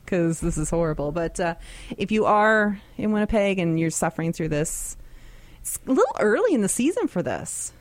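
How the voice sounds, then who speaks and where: A woman's voice: lowish voice, sing-song, moderate pace, no echo. A woman hosting a radio show, chatting casually and laughing often. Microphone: studio microphone.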